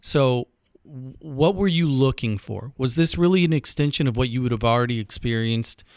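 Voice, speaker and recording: A man's voice: mid-range voice, animated, moderate pace, darkish tone, no room sound, studio quality. A man hosting a podcast, asking long questions with small restarts. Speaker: podcast host. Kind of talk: interview questions.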